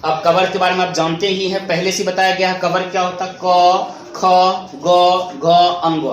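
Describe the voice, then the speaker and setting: ऊँची आवाज़ वाला शिक्षक, गूँजता कमरा. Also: male voice, sits high, level tone, normal speed. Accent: Hindi. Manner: repeats points and asks questions to the class. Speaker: teacher. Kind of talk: classroom grammar lesson. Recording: echoey room, mic far off, faint noise.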